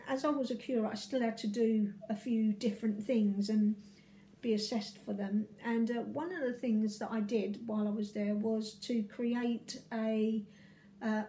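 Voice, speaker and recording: A hoarse woman, a vicar, talking in a casual video diary, halting and full of fillers and restarts. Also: medium pitch, mellow, low-quality recording.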